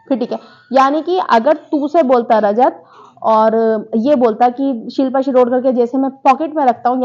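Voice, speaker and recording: A woman talks through a reality show episode in casual commentary, slipping into the quoted lines as she tells them. Her voice sits a bit high. The recording sounds dull and lo-fi. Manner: animated retelling, acts out quoted lines.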